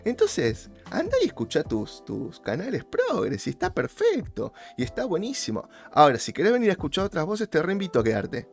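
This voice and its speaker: Talking directly to his audience, a YouTube host with a Rioplatense Argentine accent makes his persuasive case in a relaxed vlog, his pitch leaping for emphasis. The voice swoops wildly and is creaky, at a moderate pace with hardly any pauses, over faint background music.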